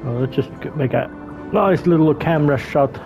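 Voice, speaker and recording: A man with a fairly high voice gives casual gameplay commentary. He rambles and hesitates as he searches for words. Faint music plays behind him. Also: moderate pace, creaky.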